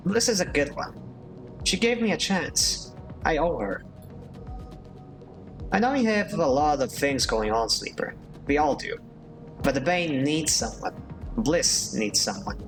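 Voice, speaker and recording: A man's voice: fairly high pitch, expressive, measured pace, long pauses, music in the background, voice pushed up. A man voicing a weary, loyal man who speaks bluntly and pleads for help, while reading a game aloud. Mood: troubled.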